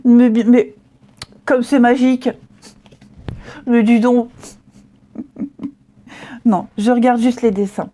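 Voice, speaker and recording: A woman's voice: fairly high pitch, fairly even intonation, slow pace, pauses often, dark tone. Chatty French-speaking woman reading tarot. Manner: chatty, reassuring, many fillers and restarts. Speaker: tarot reader. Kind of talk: casual tarot reading to camera.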